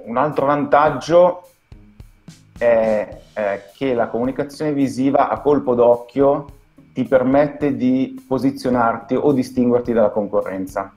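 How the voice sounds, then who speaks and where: A man with an Italian accent, a guest designer, explaining things in a halting way that repeats words over a video call. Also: mid-range voice, a little mellow, dull audio, faint music behind. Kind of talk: casual video call interview.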